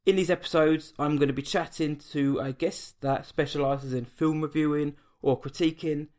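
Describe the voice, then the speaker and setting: A man with an English accent, hosting a film podcast and chatting casually with a guest over an online call. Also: on the high side. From England. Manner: chatty, self-deprecating, with restarts. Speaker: podcast host. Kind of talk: casual interview chat. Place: home, late at night.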